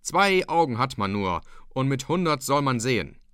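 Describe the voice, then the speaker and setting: Male reader doing a bear-voiced old dike reeve, blustery and loud, raised pitch, lively, dry sound. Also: moderate pace, clean tone, no room sound. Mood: grumbling. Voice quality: booming bear-like voice. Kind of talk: audiobook reading.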